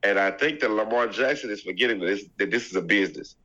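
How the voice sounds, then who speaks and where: A man with a congested voice co-hosting a casual sports debate podcast, measured and pausing to find his words. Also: lowish voice, pushed and bright, highs cut off. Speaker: podcast co-host.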